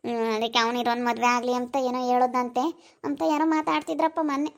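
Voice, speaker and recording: A woman's voice: a little high, flat delivery, quick pace, natural voice. A woman playing a talkative middle-aged village mother who gossips and pleads, in an amateur family skit. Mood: gossipy.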